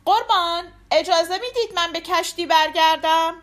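Storybook hero, confident young man, earnest and warm-hearted, voiced by a woman. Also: high-pitched, sing-song.

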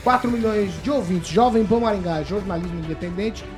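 A Brazilian radio host talks fast and teasingly with his co-hosts. Music is clearly heard behind his voice in the studio. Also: sits high. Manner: quick, teasing. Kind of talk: radio talk show banter.

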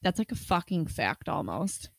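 A woman's voice: fairly low pitch, very animated, normal speed, vocal fry, husky, dry recording. A young woman co-hosting a podcast, ranting in casual chat with sarcasm and plenty of swearing. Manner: profane, sarcastic ranting with laughs. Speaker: podcast co-host.

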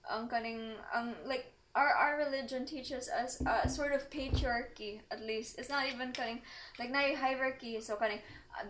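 A woman with a Filipino accent talks casually among friends, switching languages mid-thought. Her voice sits high, and there is faint noise behind her. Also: fairly bright tone, poor audio. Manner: mixes English with Filipino languages. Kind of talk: casual group discussion.

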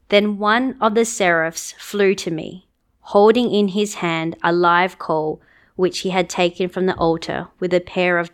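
Slow, clear-voiced woman reading scripture. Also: on the low side. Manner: solemn, measured proclamation. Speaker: lector reading scripture and leading the psalm.

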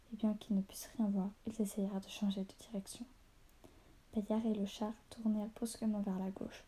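A woman reads a novel aloud in a soft, half-whispered voice that stays even and flat. Her tone is very dark and mellow. She pauses now and then to correct small slips. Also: medium pitch, slightly rough.

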